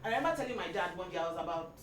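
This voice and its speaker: Casting: reflective woman host, mid-pitched voice, recorded from a distance in a roomy, noisy space. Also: lively intonation, very fast. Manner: reflective, affirming, personal. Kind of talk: faith-based discussion. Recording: distant echoey room with background noise.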